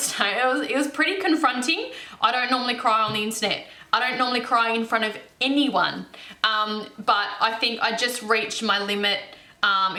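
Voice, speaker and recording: A young woman rants to camera at home, blunt and swearing freely. Her voice sits high and sounds sharp and bright. The room around her echoes noticeably. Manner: heated, swears constantly, blunt. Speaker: makeup vlogger. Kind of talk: ranting casual vlog. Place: home, in front of a mirror.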